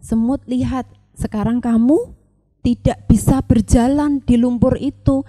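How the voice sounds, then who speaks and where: A woman's voice: a little high, fairly even intonation, unhurried, mellow, long reverb tail, faint music behind. A woman voicing a kind butterfly that was once a cocoon, in a children's story. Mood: gentle.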